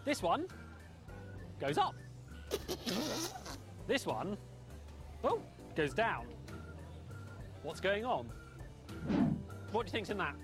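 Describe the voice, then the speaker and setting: A man with a high, animated voice presents a science demonstration and questions his audience as he goes. He is picked up from a distance. Music plays clearly underneath. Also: slow, long pauses.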